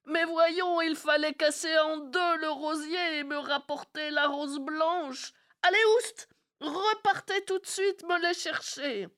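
A woman's voice: very high-pitched, unhurried, few pauses, voice pushed up. A woman voicing a bossy, furious old female cook who shrieks and scolds in a storybook reading.

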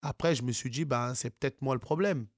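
A man's voice: medium pitch, brisk, dry recording, studio quality. A man from France, an author being interviewed, speaking casually with many fillers and restarts.

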